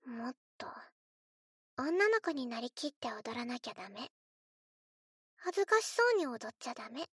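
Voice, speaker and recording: A woman's voice: on the high side, very animated, moderate pace, pauses often, fairly bright tone, slightly rough, dry recording, studio quality, full character voice. A woman voicing a spoiled, eerily sweet little girl in a scripted role-play, cutesy and coaxing as she speaks to the listener as if to her doll. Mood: scolding, disappointed. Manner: cutesy, coaxing, childlike, refers to herself in third person.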